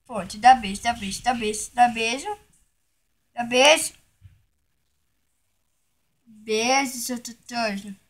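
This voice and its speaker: A woman's voice: on the high side, takes it slowly, pauses often. A young woman, coaxing her pet dog in cooing baby talk while filming on her phone at home. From Brazil. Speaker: vlogger.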